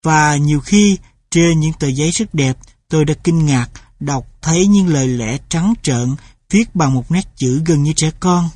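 A man reading a memoir-style story aloud in steady, measured scripted narration. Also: fairly high pitch, dry recording.

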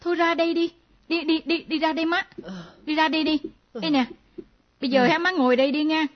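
A woman playing an excitable young adult daughter who exclaims and teases. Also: high-pitched, lightly acted. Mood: scolding. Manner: quick, exclaiming, teasing. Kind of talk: radio drama acting. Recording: dull lo-fi recording.

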